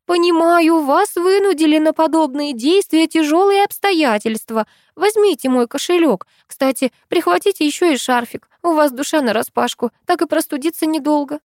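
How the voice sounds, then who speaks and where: A woman reading the part of a kind-hearted, fussing young woman in an audiobook, in a higher, pleading voice. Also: animated, normal speed, hardly any pauses, no room sound, clean studio sound. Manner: soft, pleading, caring. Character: kind-hearted gentle young woman friend, anxious to help.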